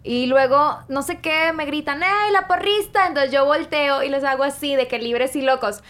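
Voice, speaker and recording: A woman's voice: high voice, steady tone, normal speed, fairly bright tone. A woman, co-hosting a casual podcast and telling stories playfully, acting out the voices of the people in them. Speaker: podcast co-host. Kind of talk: casual storytelling chat.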